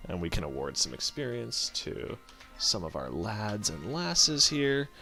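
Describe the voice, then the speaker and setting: A man with a low voice full of gravelly fry, giving loose let's play commentary. His tone is bright and forceful as he rambles, corrects himself mid-sentence and swears offhand. Faint game music sits behind him. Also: big pitch swings, a little slow. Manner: thinks aloud, rambling and self-correcting, swears casually. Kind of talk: casual gameplay commentary.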